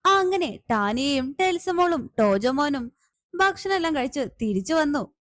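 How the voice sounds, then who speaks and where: A woman retells a family drama serial in a conversational, unhurried way. Her voice sits high and sounds dry and close to the mic. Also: no room sound. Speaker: narrator. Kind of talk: storytelling recap of a TV serial.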